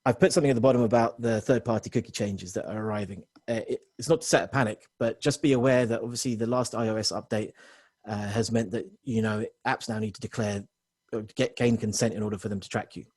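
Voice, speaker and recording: A man working as a technology consultant, giving a quick webinar presentation to business owners with frequent restarts and self-corrections. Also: on the low side, fairly even intonation, a little mellow, no room sound, clean studio sound.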